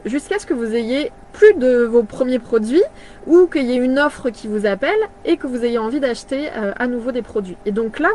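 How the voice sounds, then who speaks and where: A woman in her thirties chatting casually on a live video, pausing often with fillers and restarting her sentences. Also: on the high side, a little mellow, a little hiss or hum. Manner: hesitant, many fillers and restarts. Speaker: brand partner presenting products.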